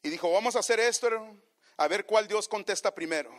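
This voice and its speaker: A male preacher with a high, bright voice delivers a sermon. He calls the congregation brothers and swings between hushed asides and loud, shouted peaks. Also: fast.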